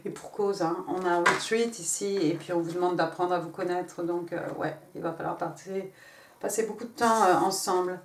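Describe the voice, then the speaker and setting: A woman's voice: lowish voice, steady tone, moderate pace. Chatty woman reading tarot cards. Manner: chatty, stumbles and repeats words, laughs at herself. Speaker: tarot reader. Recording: roomy, mic at a distance, faint noise.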